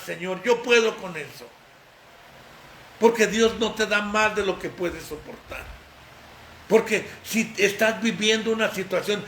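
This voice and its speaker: A man's voice: sits high, sharp tone. A man, a pastor, preaching an informal sermon, emphatic and repetitive, chatting and laughing with the people near him. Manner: emphatic, repeats phrases, chats and laughs with those present. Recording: echoey room with faint noise.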